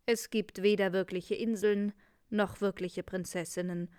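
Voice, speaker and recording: A woman voicing a calm, dismissive old king who is secretly a magician, in a read-aloud fairy tale. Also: mid-range voice, measured pace, smooth, dry recording, studio quality, natural voice. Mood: unmoved.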